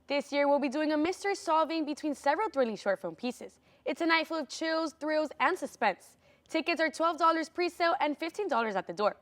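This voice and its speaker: Teen girl anchor, high and quick, upbeat scripted read. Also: animated, fairly bright tone. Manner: upbeat, pun-laden delivery. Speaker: student news anchor. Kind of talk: scripted school news reading.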